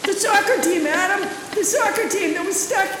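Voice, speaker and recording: A woman podcast host shouting and swearing in exasperation, her voice ringing with big echoing cave reverb. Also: very high voice, moderate pace. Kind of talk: improvised comedy bit. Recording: very echoey cavernous reverb with noise.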